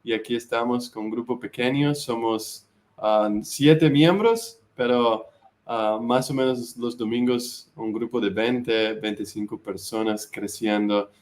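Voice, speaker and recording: A man with a Spanish accent from Spain, a pastor, speaking in a conversational church discussion, hesitant with many drawn-out fillers. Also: medium pitch.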